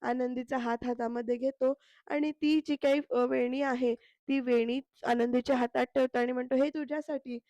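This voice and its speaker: A woman narrates a voice-over recap of a TV serial and keeps turning to address her viewers directly. Her voice sits high. The sound is dry and close, with no room around it. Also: level tone, moderate pace, warm tone, no echo, lo-fi sound. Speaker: TV serial reviewer.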